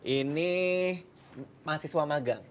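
A man's voice: on the high side, unhurried, a crowd in the background, close to an everyday voice. A man playing a boastful radio station boss who brags about ordering his intern around. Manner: bragging, bossy.

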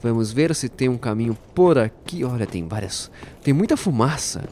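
A man giving playful, jokey let's-play commentary, talking to his viewers and bursting out excitedly during fights. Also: medium pitch, moderate pace, slight background noise. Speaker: gaming YouTuber.

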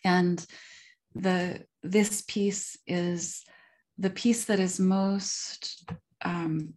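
A woman gives a guest lecture over a video call, speaking slowly and deliberately. Her voice sits on the low side. She sounds careful and considerate of her audience. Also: steady tone, darkish tone. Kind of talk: online academic lecture.

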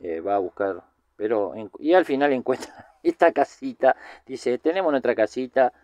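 Male film commentator, Rioplatense accent, mid-pitched, rambling casual recap, dry room. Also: very animated, moderate pace, darkish tone, dry recording. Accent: Rioplatense Spanish. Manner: rambling, chatty, many filler words.

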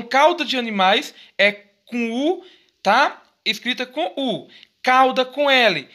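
A man's voice: very high-pitched, sharp tone. A Brazilian man teaching a grammar lesson to young schoolchildren, patient and affectionate, explaining step by step. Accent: Brazilian Portuguese. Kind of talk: recorded grammar lesson for children.

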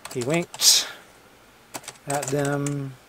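A writer dictating a story draft while typing, halting often to revise the wording. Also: medium pitch, level tone, sharp tone, a little hiss or hum. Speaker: novelist writing a draft live. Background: computer keyboard typing.

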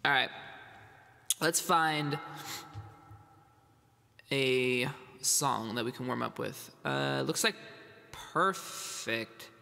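A music livestreamer in his thirties, stuffed up with a head cold, chats loosely and ramblingly straight to his stream chat from a dim home room. His mid-range voice is very slow and sharp-toned, with vocal fry and frequent pauses. Added reverb sits over guitar music in the recording.

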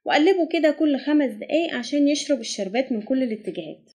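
A woman's voice: high-pitched, expressive, dark tone. A woman with an Egyptian Arabic accent narrating a recipe step by step as a cooking channel host. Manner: brisk step-by-step instructions.

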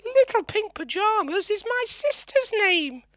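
A woman's voice: very high voice, sing-song, a little slow, fairly bright tone, dry recording, studio quality, exaggerated voice. A woman playing an earnest, innocent little girl in a comic puppet show, childlike and matter-of-fact. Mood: earnest, chatty.

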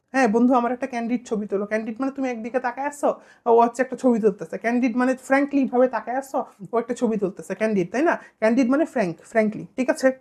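A woman with a Bangladeshi Bengali accent and a high-sitting voice teaches an exam-prep vocabulary lesson, quizzing the listener with playful repetition and memory tricks.

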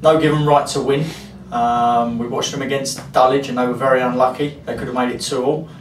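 Football manager, 40s, frank and rambling, distant mic in an echoey room. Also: male voice, medium pitch, little pitch movement, brisk, soft background music. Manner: frank, rambling, many fillers. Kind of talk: post-match interview. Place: club interview room, indoors. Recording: roomy echo, distant mic, faint hiss.

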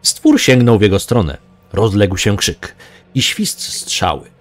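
A man reading a dark fantasy novel aloud as a hobby audiobook narrator, dramatic and voicing the characters. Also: lowish voice, big pitch swings, unhurried, soft background music.

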